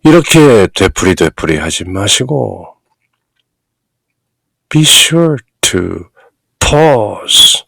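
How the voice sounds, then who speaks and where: A man leads a bilingual lesson on a devotional text, his voice low and gravelly. He reads slowly and deliberately, with long pauses between phrases. The recording is dry and close, with no room sound. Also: sing-song, fairly bright tone, dry recording. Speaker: English reading teacher.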